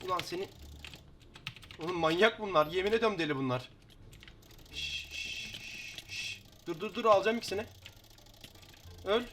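Excitable teenage boy, high bright voice. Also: quick pace, long pauses, a little hiss or hum. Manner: excitable, swears and shouts at opponents. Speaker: gaming YouTuber. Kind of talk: casual gameplay commentary.

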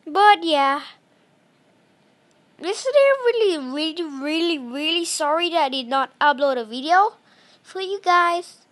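A woman giving casual gameplay commentary, chatty and apologetic, breaking into excited shouts. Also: high voice, measured pace. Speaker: gaming channel host.

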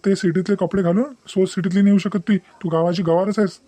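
Guy doing a taunting cartoon boyfriend, quick high voice, bone-dry recording. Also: little pitch movement, dark tone, no echo. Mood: angry. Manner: dismissive, taunting, fast-talking. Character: young deceitful city boyfriend, bossy and threatening. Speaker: cartoon character. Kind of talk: Marathi cartoon voice acting.

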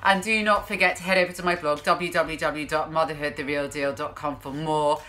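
A parenting vlogger in her thirties reads a story aloud in a small home room, hamming it up with theatrical emphasis and chatty asides. Her deep voice is steady, fairly quick, pushed and bright.

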